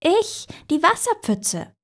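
Woman doing a shrill boastful little puddle. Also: very animated, slow, heavily acted. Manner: shrill, self-important. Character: proud boastful puddle, female, small.

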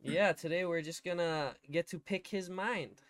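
A male podcast host asking questions in an easygoing, casual way with relaxed slang. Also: fairly high pitch, moderate pace, no echo. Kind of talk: casual interview.

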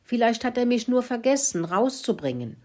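A woman's voice: fairly high pitch, sing-song, normal speed, darkish tone, pitched above the performer's own voice. A woman doing a grumpy, sulky boy pony. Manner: snorting, sulky complaining.

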